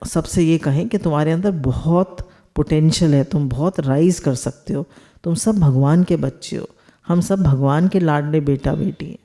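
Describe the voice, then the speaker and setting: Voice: medium pitch, dark tone. A spiritual teacher giving a discourse, explaining with everyday household examples and asking the listeners rhetorical questions.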